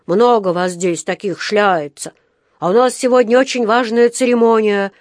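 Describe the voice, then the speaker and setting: A woman reading a storybook aloud, voicing an unfriendly male factory gatekeeper who talks in a loud, mocking way. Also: mid-range voice, normal speed, no room sound, clean studio sound, lightly acted. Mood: sneering. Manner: sneering, loud, teasing.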